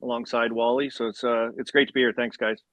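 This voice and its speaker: A man's voice: mid-range voice, level tone, quick pace, a bit bright, no echo. Guy, hockey bro type, slangy chirpy sports chat, really dry recording. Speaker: former hockey player guest.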